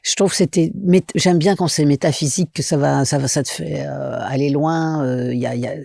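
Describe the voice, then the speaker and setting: Animated woman from Belgium, lively talk. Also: sits low, moderate pace, creaky, no echo, clean studio sound. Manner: animated, expressive, informal with slang. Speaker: actress and film director. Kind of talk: casual interview chat.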